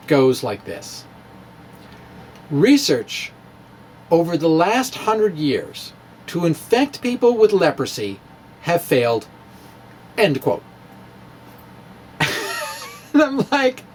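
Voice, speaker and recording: There's a little hiss or hum behind this high male voice. He's a middle-aged physics blogger giving a casual, rambling math explanation with props, laughing softly at his own tangents.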